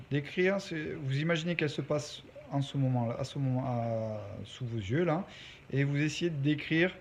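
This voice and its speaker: His voice is medium-pitched and a little mellow as he teaches English, laying out the lesson stepwise and checking in with his pupils along the way. Faint noise sits behind this dull, lo-fi recording.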